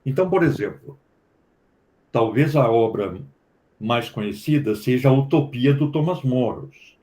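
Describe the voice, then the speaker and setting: A man with a Brazilian Portuguese accent leads an academic study-group discussion. His voice sits in a middle pitch with a warm, mellow tone. He explains at length, often checking in with tag questions. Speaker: professor leading a study group.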